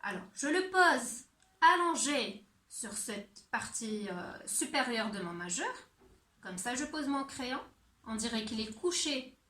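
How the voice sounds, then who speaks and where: Bright-voiced teacher woman in echoey room. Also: high-pitched. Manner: slow, clear teacher talk addressed to children. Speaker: primary school teacher. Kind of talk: video lesson for young children.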